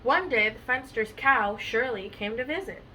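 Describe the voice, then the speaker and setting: A woman's voice: fairly high pitch, expressive, normal speed, pushed and bright, a little hiss or hum, low-quality recording. Chatty young woman reading aloud. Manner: chatty, many fillers. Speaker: storybook reader. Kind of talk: casual chat and read-aloud storytelling.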